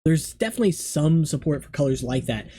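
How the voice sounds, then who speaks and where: Guy in his 30s rambling casually about his hobby, kinda high but soft mellow voice, some room noise behind him. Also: animated, fairly quick. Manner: rambling, conversational. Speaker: hobby video host. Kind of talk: casual unscripted commentary. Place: small indoor hobby room.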